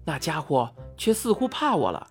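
A woman with a low, slightly breathy voice narrates her story in the first person at a moderate pace. She reads with expression and animates the dialogue lively, over faint music.

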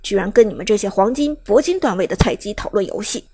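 A woman's voice: medium pitch, animated, fast talker, dark tone, breathy edge, no echo. A woman voicing an arrogant young male gamer who cannot accept losing, speaking with scornful, boastful threats.

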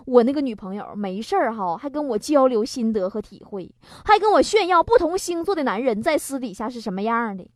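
A woman's voice: fairly high pitch, animated, a little fast, hardly any pauses. A woman hosting a radio comedy monologue, chatty, laughing often and acting out quotes. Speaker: comedy show host. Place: radio studio.

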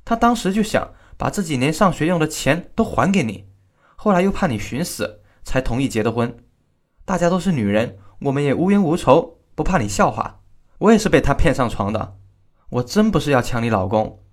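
A man's voice: fairly high pitch, big pitch swings, brisk. A man reading the part of a cold, arrogant young woman, a general's daughter, in a spoken story, with a taunting delivery. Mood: scornful. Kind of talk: storytelling narration.

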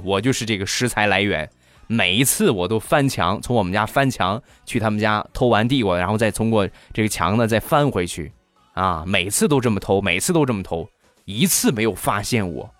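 A man telling funny childhood stories in a playful, animated monologue. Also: on the low side, dry recording. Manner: lively, playful, animated delivery. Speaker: comedian. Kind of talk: comic storytelling monologue. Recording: dry studio with faint music.

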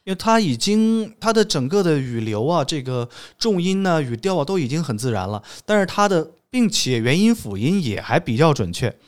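A man who teaches English pronunciation, a guest on an interview podcast, explaining his courses patiently and methodically. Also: fairly high pitch.

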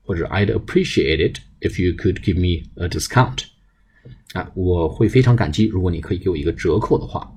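A man with a deep, low voice and a slightly husky tone teaches English to Mandarin speakers. He has a Chinese accent, slows down to spell out example phrases, and then explains them in Mandarin. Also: animated, a little mellow. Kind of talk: bilingual English lesson.

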